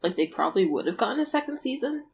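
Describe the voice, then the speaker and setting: A woman's voice: medium pitch, sing-song, rapid-fire, a little hiss or hum. A woman co-hosting a podcast in casual chat, rambling with lots of "like" fillers and frequent laughter. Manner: chatty, filler-heavy, laughs often. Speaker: podcast co-host.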